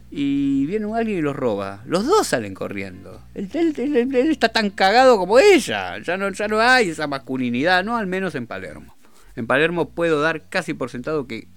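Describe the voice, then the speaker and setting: This man hosts a radio talk show, chatting casually in Rioplatense Argentine Spanish with a rambling, jokey, self-amused manner. His mid-range voice is creaky, with a fairly bright tone.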